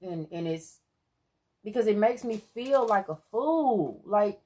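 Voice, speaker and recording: A woman co-hosting a seafood eating video, chatting casually and earnestly about her relationship, and at times breaking into loud exclamations. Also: mid-range voice, animated, a little slow. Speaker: mukbang co-host. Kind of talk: casual chat while eating. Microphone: close mic for eating sounds.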